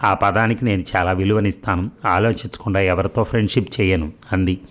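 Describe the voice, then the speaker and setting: Male narrator, low-pitched, steady novel reading, slight lifts for dialogue. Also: brisk. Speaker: audiobook narrator. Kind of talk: novel read aloud, all parts voiced.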